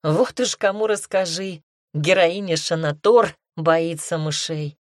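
A woman's voice: fairly low pitch, slow, no echo, studio quality. A woman voicing a dazed, teasing young man. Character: young man, stunned new winged shapeshifter.

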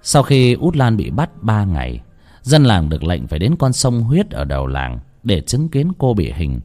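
A man's voice: fairly low pitch, huge pitch swings, moderate pace, darkish tone, soft background music. A man narrating a horror story with dramatic, emotive storytelling.

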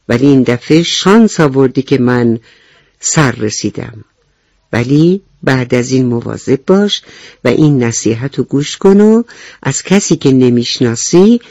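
A woman doing a calm, wise winged ant. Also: a bass voice, no echo, highs cut off, exaggerated voice. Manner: calm, warning, kindly advising.

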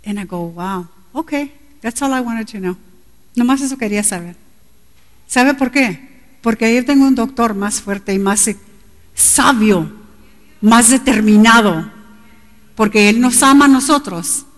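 A woman's voice: on the high side, a little slow, pauses often. A middle-aged woman preaching a sermon with passion, her voice climbing to cries at times. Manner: impassioned, rising to cries at times. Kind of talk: bilingual sermon. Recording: long reverb in a large hall.

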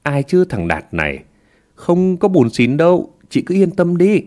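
A man's voice: on the high side, huge pitch swings, measured pace, mellow, pitched above the performer's own voice. A man voicing a blunt, curt young village man who idles and gambles. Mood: boastful.

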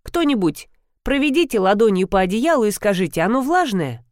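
A woman voicing a calm, matter-of-fact female vet explaining a test. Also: medium pitch, a little fast, dry recording, studio quality, natural voice.

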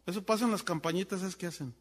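Pastor preaching, high lively voice, acts out the people in his stories, long echo of a big hall. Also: fast. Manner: animated storyteller acting out voices, wide swings in pitch and volume. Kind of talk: sermon with storytelling.

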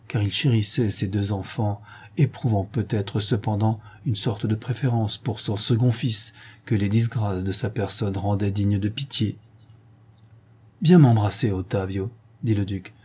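A man reading a novel aloud as an audiobook narrator, with measured, expressive delivery. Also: on the low side, slightly rough. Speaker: audiobook reader.

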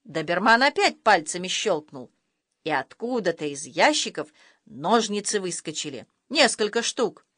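A woman narrating a children's audiobook in an expressive, animated way. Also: lowish voice, a little slow, no room sound, studio quality. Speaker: audiobook reader. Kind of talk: scripted storybook narration.

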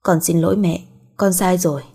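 A woman's voice: lowish voice, fairly even intonation, moderate pace, vocal fry, mellow, breathy edge. A woman voicing a guilty young man apologizing humbly to his mother. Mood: apologetic.

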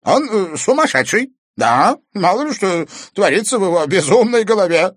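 A shrill, blustering old man snaps and grumbles in a raised, cranky voice, as a male narrator puts him on. His pitch leaps about as he bristles with suspicion. The sound is close and dry. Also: very animated, moderate pace, no echo. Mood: defensive. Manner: irritable, loud and blustering. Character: grumpy, cunning old man, easily angered.

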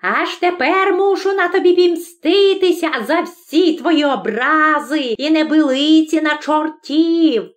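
A sly male devil squeaks and wheedles in a storybook reading, put on by a woman narrator. His voice sits very high and thin. He stretches his words out very slowly. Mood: gloating. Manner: squeaky, wheedling, then pleading. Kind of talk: audiobook character voice.

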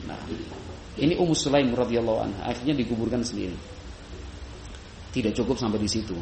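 Male preacher, animated storytelling sermon, echoey hall, faint hum behind. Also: a little fast, vocal fry. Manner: lively, acts out quoted voices in high pitch. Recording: echoey room with faint background noise.

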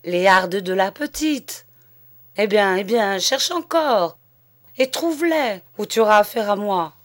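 A woman reading aloud voices a gruff, tearful village mayor who stammers through sobs and bursts into rage. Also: lowish voice, steady tone, unhurried. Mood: blustering. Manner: sobbing and stammering, then bellowing in rage.

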